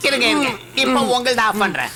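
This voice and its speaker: A woman's voice: a little high, big pitch swings, quick pace. An actress dubbing a mischievous young woman who chatters in a playful, teasing way. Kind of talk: Tamil film dub. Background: film score.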